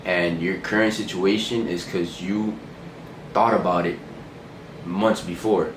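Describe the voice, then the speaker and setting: A young man from Miami with a very low voice chats to camera in a relaxed, rambling way. The room gives his voice a noticeable echo, with clear noise behind him. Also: a little slow. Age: 20s. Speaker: vlogger. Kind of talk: casual chat to camera. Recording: echoey room with background noise.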